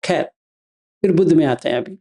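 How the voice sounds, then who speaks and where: A man teaching meditation, explaining the practice slowly, step by step. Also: a little high, warm tone. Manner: slow, step-by-step instruction.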